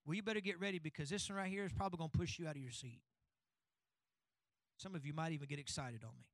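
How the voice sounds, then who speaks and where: A male pastor preaching a sermon in a church. He leads call-and-response with the congregation and builds to fervent shouting. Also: on the high side, fast talker, dry recording, poor audio. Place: church sanctuary.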